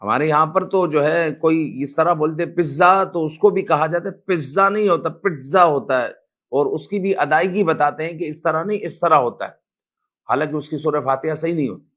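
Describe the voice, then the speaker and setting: A man's voice: fairly high pitch, a bit bright. A man giving a religious lesson, explaining step by step and reciting verses aloud as examples. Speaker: religious teacher.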